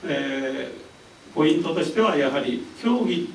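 An older man, president of an amateur sports association, giving a measured, formal press conference speech with frequent pauses. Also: fairly high pitch, animated, vocal fry, a little hiss or hum. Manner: measured and formal, pausing with fillers. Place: indoor press conference room. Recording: roomy, mic a bit distant.

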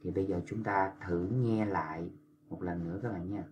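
A man walks learners through pronunciation in a very deep voice. He talks patiently and stretches out syllables when he demonstrates them, with a faint background hum. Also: fairly even intonation, moderate pace, a little mellow. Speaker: Korean language teacher. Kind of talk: explanatory lesson for language learners.

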